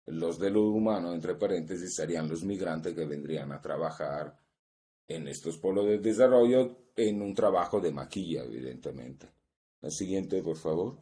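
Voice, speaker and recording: Working from notes, a seminar presenter from Italy, a native Italian speaker, delivers a measured academic conference talk over a video call. His voice is low and mellow, and he pauses to find his words.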